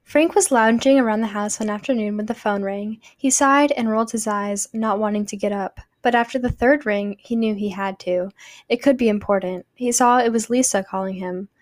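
A woman hosting a fiction podcast, reading the story aloud in a plain, steady scripted narration. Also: mid-range voice, moderate pace, dry recording, clean studio sound.

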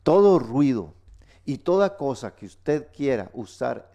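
A man's voice: medium pitch, big pitch swings, a little slow, gravelly, warm tone. A man hosting a radio Bible teaching, emphatic and repeating words for stress. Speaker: radio program host. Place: radio studio.

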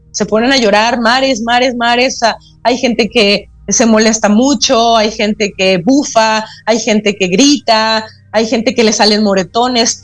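A woman with a Mexican Spanish accent, an acupuncturist who is a guest on a radio talk show, explaining in an earnest, gently spiritual way. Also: a little high, no room sound. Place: radio studio.

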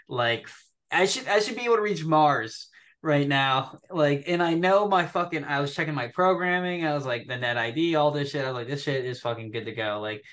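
A young man, a military veteran, telling a story on a podcast in a profane, animated way, laughing as he goes. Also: mid-range voice. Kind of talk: casual storytelling.

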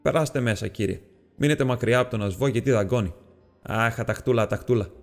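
A man voicing a gruff, lanky old man who keeps animals and speaks in a fussy, irritable way, in an audiobook reading. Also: mid-range voice, in a large hall, soft background music, natural voice. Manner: irritable, then fussy and welcoming.

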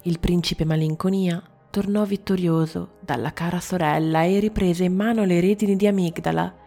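A woman narrating a fairy tale in a calm, measured storybook reading. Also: lowish voice, vocal fry. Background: faint music.

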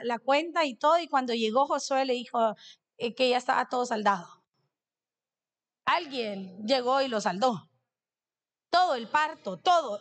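High-voiced woman preaching conversationally. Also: fairly bright tone. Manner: conversational, asks the audience questions. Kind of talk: sermon with personal testimony.

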